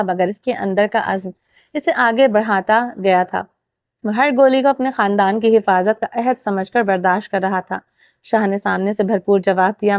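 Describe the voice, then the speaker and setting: A woman reading a dramatic romance novel aloud as narrator, with steady storytelling. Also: mid-range voice, no room sound, lo-fi sound. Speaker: audiobook narrator.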